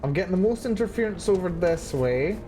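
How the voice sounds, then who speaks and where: A man's voice: sits high, expressive, a little fast, over music. A man streaming a video game from his seat indoors, chatting casually and musing aloud on tangents as he plays. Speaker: let's play streamer. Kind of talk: live gameplay commentary.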